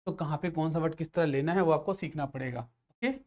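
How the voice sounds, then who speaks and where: A man with a fairly high, slightly mellow voice speaks at a quick pace, teaching English grammar in Hindi to exam students. He explains patiently, blends in English phrases and repeatedly checks understanding with phrases like "theek hai".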